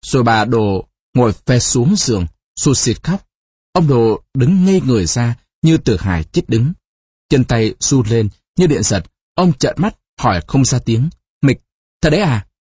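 Casting: expressive audiobook narrator, lively pitch, dry close sound. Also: a little slow, slightly rough, no echo, muffled recording. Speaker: storyteller. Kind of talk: audiobook reading of a novel.

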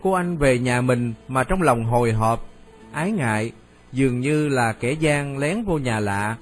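A man narrating a radio story in a steady storytelling manner. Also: medium pitch, a little slow, faint music behind.

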